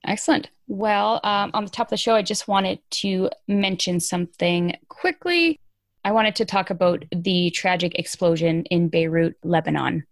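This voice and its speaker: A woman gives casual news commentary as a podcast host. She is informal and emphatic, with a gravelly creak in a slightly low voice. The recording is dry and close. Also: normal speed, no echo.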